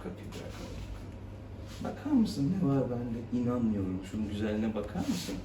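A man's voice: medium pitch, very animated, normal speed. A man working as a vet, talking soothingly to a cat in a clinic. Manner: soothing, coaxing, talks to the cat. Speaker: veterinarian. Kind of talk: casual talk while handling a cat. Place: veterinary clinic room. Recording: echoey room, distant mic, loud background noise.

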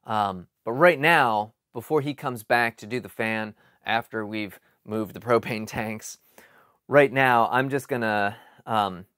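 A man in his forties explains a basement project in a relaxed vlog, thinking aloud with frequent ums and restarts, recorded in a cluttered basement. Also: on the low side, takes it slowly, no echo, clean studio sound. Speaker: home improvement vlogger. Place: cluttered basement storage area.

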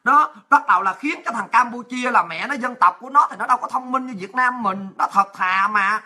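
A woman with a Southern Vietnamese accent rants in a high, piercingly bright voice with a husky edge. Her talk is crude, repetitive and mocking, delivered as heated political commentary. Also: a little fast.

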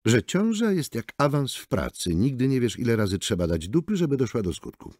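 A man's voice: medium pitch, very animated, brisk, a little mellow, no room sound, clean studio sound, pitched above the performer's own voice. A man voicing a brusque, mocking woman lawyer in an audiobook. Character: sharp-tongued sardonic woman lawyer. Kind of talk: audiobook character voice.

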